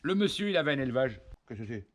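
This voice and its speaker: A man's voice: mid-range voice, big pitch swings, fast talker, a little hiss or hum. A man from France removing wasp and hornet nests outdoors, chatting casually and joking as he works, talking to the insects and the camera. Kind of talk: casual running commentary while working. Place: outdoors at a house.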